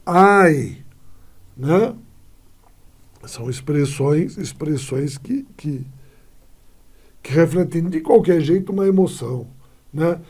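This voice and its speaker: A man's voice: on the high side, animated, slow, long pauses, dark tone, slightly rough. A male Brazilian Portuguese teacher explaining punctuation in a classroom lesson, often checking in with short tags as he points to examples.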